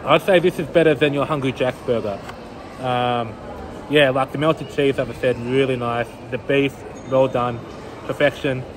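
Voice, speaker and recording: A man's voice: medium pitch, steady tone, normal speed, background noise. A young Australian man reviewing food in a casual vlog, chatting to viewers with his mouth full. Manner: chatty, addresses viewers as guys. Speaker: vlogger.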